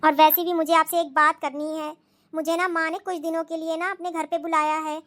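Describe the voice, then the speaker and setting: A woman voicing a polite, dutiful young daughter-in-law in a cartoon, pleading and soft-spoken. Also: very high voice, flat delivery, a little fast. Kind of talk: cartoon voice acting.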